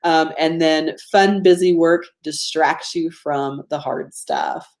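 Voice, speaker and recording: Slow and steady, a woman's low, darkish voice carries a Southern accent from Georgia, United States. Hosting a live online productivity training, she teaches informally, chats, pokes fun at herself, and regularly checks in with her listeners.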